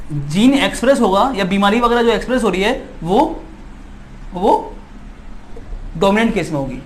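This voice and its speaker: Male biology tutor, high voice, repetitive and reassuring, faint hiss in the background. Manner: repetitive, keeps asking "है ना" to check students follow; reassuring and insistent, promises results. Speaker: biology teacher. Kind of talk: exam-prep lecture.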